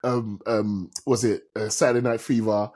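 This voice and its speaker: A man's voice: lowish voice, level tone, moderate pace, a little mellow. A man with a London roadman accent chatting casually as a podcast host, emphatic and full of slang and swearing.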